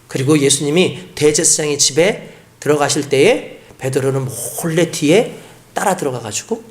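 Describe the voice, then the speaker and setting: A man's voice: fairly high pitch, roomy sound. A male pastor preaching a sermon, telling the story vividly and acting out the voices. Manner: animated storytelling with acted voices.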